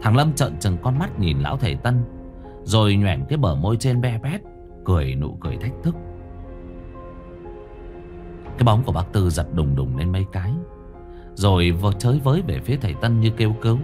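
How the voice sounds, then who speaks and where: A man's voice: fairly low pitch, sing-song, fairly quick, over music. A man narrating a horror story with a dramatic, suspenseful delivery.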